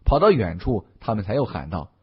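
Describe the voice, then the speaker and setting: A man narrating a novel as an audiobook in an expressive, scripted delivery. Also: lowish voice, brisk, husky. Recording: dull lo-fi audio.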